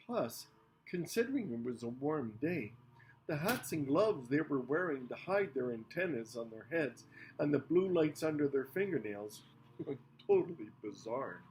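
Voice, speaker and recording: Animated man reading a storybook. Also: medium pitch, moderate pace, a little hiss or hum. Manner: animated, expressive narration. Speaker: reader.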